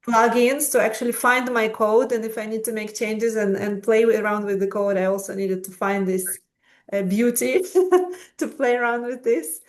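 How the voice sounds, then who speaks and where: A woman's voice: on the high side, fairly even intonation, moderate pace. Chatty woman moderating an online conference. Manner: chatty, encouraging, with fillers. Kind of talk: live online conference hosting. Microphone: video call.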